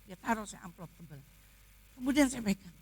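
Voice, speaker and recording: A middle-aged woman pastor telling a personal testimony in a church sermon, swinging between loud passages and hushed ones. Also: medium pitch, animated, brisk, slightly rough.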